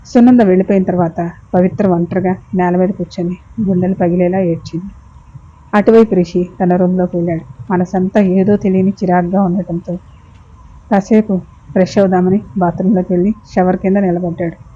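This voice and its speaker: Husky dark-voiced woman storyteller. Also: on the low side, brisk. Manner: steady, dramatic storytelling. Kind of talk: scripted story narration. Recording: muffled lo-fi recording.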